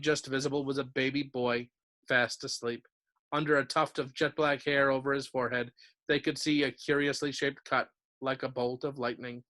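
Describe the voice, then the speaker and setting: A man, a teacher, reading a novel aloud to his class in a steady, clear storytelling manner. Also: mid-range voice.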